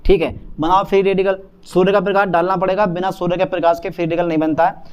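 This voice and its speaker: A man lectures on chemistry with a high, bright-pitched voice. He drills each term over and over and answers his own questions like a call and response. His tone is that of a patient classroom teacher. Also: level tone, fast talker, smooth, muffled recording. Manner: calls students "beta" and "bhaiya".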